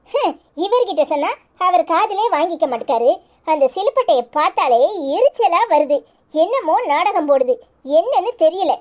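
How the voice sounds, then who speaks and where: A woman's voice: high-pitched, a little mellow. A woman voicing a resentful wife in a cartoon, muttering to herself in a Kanyakumari Tamil accent. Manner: muttering, bitter. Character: resentful sulking wife, Anitha, muttering alone. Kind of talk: cartoon voice acting.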